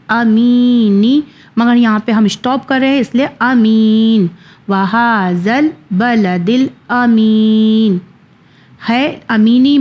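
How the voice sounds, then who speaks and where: A woman teaching children to read the Quran. She spells out each syllable slowly, then explains quickly. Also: on the high side, lo-fi sound. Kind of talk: children's Quran reading lesson.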